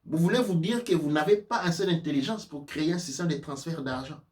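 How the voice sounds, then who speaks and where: Recorded far from the mic in an echoey room, a man with a highish voice talks a little fast. He's a sub-Saharan African spiritual teacher and preacher, and his impassioned sermon hammers home its points through repetition and rhetorical questions.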